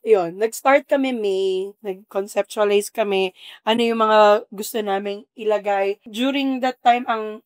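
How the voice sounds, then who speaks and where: A woman's voice: medium pitch, unhurried, no room sound, studio quality. A woman guest on a podcast, telling her business story with feeling and acting out her own past remarks. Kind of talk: casual podcast conversation.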